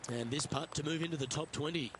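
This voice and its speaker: A man's voice: on the high side, fast, noisy background, lightly acted. A man playing the lead golf commentator in a video game, calling each shot in short running updates over outdoor ambience. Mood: composed, observant.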